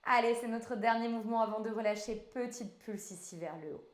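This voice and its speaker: A woman's voice: on the high side, brisk. A woman instructor leading an online pilates class in French, counting out reps and giving short commands. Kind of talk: guided fitness class instruction. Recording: echoey room, voice from afar.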